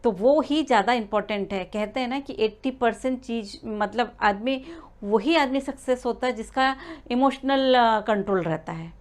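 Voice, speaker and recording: A woman with a somewhat high-pitched voice gives an explainer lesson to pregnant mothers. She talks things through at an easy teaching pace, pausing on "uh" and correcting herself mid-word now and then. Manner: explanatory, many "uh" fillers and restarts. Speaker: prenatal learning coach.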